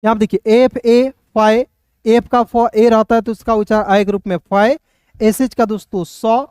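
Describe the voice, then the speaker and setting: A man leads an online pronunciation lesson, spelling each word letter by letter and having viewers repeat it back. His voice is high and smooth, recorded close and dry. He constantly checks that his friends in the audience are following. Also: fairly even intonation, normal speed, darkish tone, no echo. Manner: addresses viewers as friends, frequent check-ins. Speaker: English pronunciation teacher.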